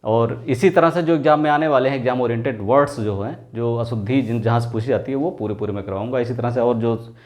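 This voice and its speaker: Male tutor at a mid pitch, drilling words over and over with quick questions to the class. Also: a little mellow. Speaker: teacher. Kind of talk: exam-prep lesson.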